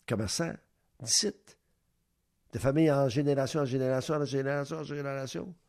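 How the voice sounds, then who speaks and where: Man, Quebec French accent, radio host, gravelly voice, rambling monologue, rhetorical questions. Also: mid-range voice, brisk, darkish tone. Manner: rambling, asks rhetorical questions, acts out little exchanges. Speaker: radio sports show host. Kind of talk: opinion monologue.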